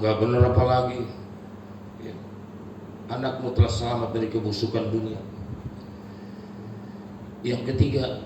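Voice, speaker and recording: A male preacher delivering a sermon, swinging from low murmurs to high shouted cries and often addressing the congregation directly. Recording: echoey hall, picked up from far off, noisy.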